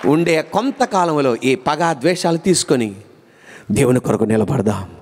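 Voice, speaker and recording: A man's voice: on the high side, animated, normal speed, long reverb tail, slight background noise. A male pastor delivering a sermon in a church, repeating rhetorical questions and building to emphatic calls. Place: church hall.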